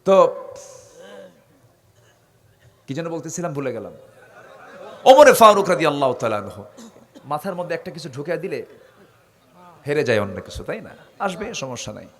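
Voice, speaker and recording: A man's voice: on the high side, very animated. Fervent preacher man calling out to a crowd. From Bangladesh. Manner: swings from quiet asides to loud calls, leading the crowd in responses; slows into drawn-out chanted Arabic recitation. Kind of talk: sermon.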